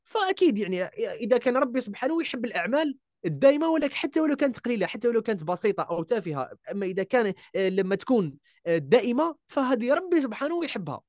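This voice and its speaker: Fast-talking Algerian man, emphatic. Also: extremely high pitch, sing-song, darkish tone, dry recording, clean studio sound. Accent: Algerian Arabic. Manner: emphatic, repeats key words, mixes in French and English. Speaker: voice-over artist, guest. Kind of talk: casual interview chat.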